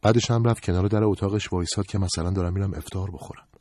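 A man narrating a first-person story in a quiet, heavy, husky voice. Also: sits low, no echo.

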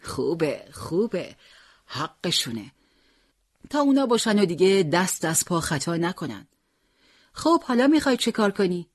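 A brave militia commander, a grown man who keeps his head and gives brisk, firm orders, voiced by the narrator of an audio story. His voice sits in the middle of its range and sounds dry and close to the mic. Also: mid-range voice, big pitch swings, no echo. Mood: approving. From Tabriz, Iran. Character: brave adult male militia leader, calm and commanding. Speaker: squad leader.

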